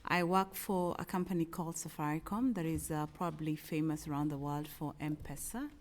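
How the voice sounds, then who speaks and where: A woman's voice: low-pitched, steady tone, moderate pace, slight background noise. A middle-aged woman from Kenya with a Kenyan accent, speaking as a panelist. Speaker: panelist, company executive. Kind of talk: panel talk.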